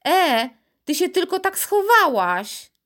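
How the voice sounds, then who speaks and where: A woman's voice: on the high side, sing-song, unhurried. A woman voicing a skeptical, stubborn young boy who mocks and gets riled easily. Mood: agitated.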